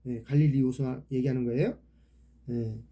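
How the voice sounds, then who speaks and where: A man's voice: mid-range voice, steady tone, normal speed, warm tone. A man with a Chungcheong Korean accent giving a rambling, casual preaching talk, dropping a "ye" filler after almost every phrase. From Chungcheong, South Korea. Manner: rambling, peppers speech with "ye" filler.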